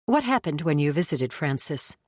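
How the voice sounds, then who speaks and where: A woman narrator voicing a calm female therapist who keeps an even tone and asks probing questions. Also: low voice, normal speed, dry recording, clean studio sound.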